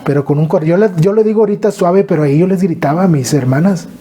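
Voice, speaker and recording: Northern Mexican man, earnest halting storyteller, warm dark voice, faint noise behind. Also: sits high. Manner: earnest, halting, with repeated restarts. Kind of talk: emotional personal storytelling.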